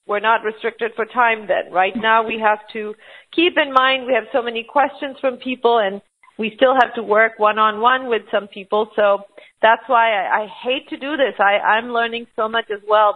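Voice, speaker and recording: Woman host on a call, fairly high voice, upbeat, reads out questions, sounds like a phone. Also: normal speed. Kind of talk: hosting a call-in telesummit. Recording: tinny phone line.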